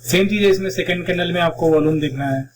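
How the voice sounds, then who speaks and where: A man's voice: sits high, quick pace. Man teaching a live trading class. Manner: explains step by step, mixing English phrases into Hindi. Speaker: trading instructor. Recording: distant mic with faint background noise.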